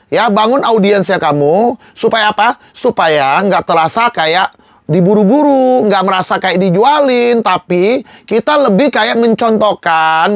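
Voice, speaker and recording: A man's voice: high voice, dry recording, clean studio sound. A young man coaching viewers through tutorial slides in a casual, emphatic way. He asks rhetorical questions and keeps repeating his reminders. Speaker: live-selling coach. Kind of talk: slide-based tutorial talk.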